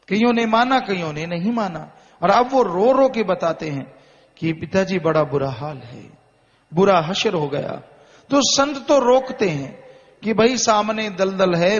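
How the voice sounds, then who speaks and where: A man preaching a sermon, urging his listeners with slow, repetitive exhortation. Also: high-pitched. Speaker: spiritual preacher. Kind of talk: Hindi sermon. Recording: muffled hall recording with long reverb.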